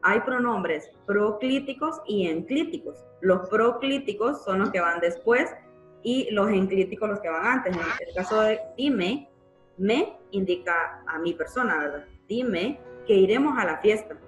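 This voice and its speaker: A woman's voice: medium pitch, expressive, unhurried, reverberant, faint music behind, low-quality recording. A woman teacher giving a live online grammar class, explaining patiently and checking in with frequent tag questions. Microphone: computer mic in a live online class.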